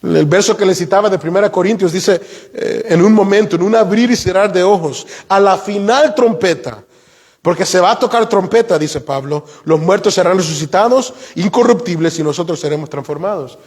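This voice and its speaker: Guy preaching a sermon, pretty high voice, asks the church questions, big reverby hall. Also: moderate pace, darkish tone, slightly rough. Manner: emphatic, rises in pitch for key points; asks the congregation rhetorical questions. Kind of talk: expository sermon. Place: church sanctuary.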